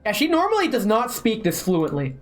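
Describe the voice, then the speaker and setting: A woman's voice: on the high side, huge pitch swings, a little fast. A woman game streamer reading a story aloud and adding casual commentary.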